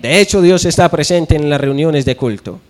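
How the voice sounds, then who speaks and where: A man's voice: a little high, moderate pace. A young man preaching a sermon, telling stories and acting out the dialogue.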